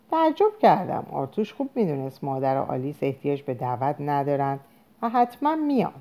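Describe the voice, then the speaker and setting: A woman narrating a novel aloud in an expressive storytelling manner. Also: sits low. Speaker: audiobook narrator. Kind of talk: scripted narration.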